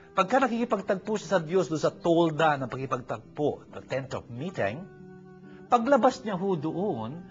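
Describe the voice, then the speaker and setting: A man with a Filipino accent preaching a sermon, mixing English phrases into his talk with many fillers. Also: mid-range voice. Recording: dull lo-fi recording with faint music.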